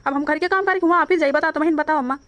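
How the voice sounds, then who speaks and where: Woman playing a grown son, cartoon, Awadhi accent, exasperated, fast-talking, dry close recording. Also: on the high side, flat delivery, dry recording, natural voice. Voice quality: complaining, exasperated. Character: grown son, harried young man, grumbling. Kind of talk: cartoon voice acting.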